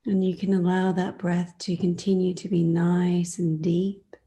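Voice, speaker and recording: A woman leads a guided meditation, her soft voice occasionally breathy, calm and gentle, with long silences between phrases. She speaks on the low side in a level tone.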